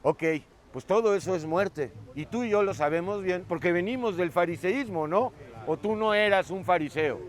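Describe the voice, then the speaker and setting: Man, preacher, fervent sermon, high voice, calls out to the listener. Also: normal speed. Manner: fervent preaching, often addressing "hermano".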